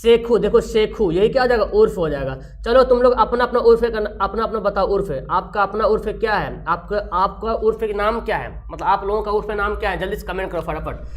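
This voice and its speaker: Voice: mid-range voice, fairly quick, few pauses, highs cut off. Tutor teaching live online. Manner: asks questions and answers them, repeats key terms; reads viewers' names from the live chat with praise. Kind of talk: live online grammar class.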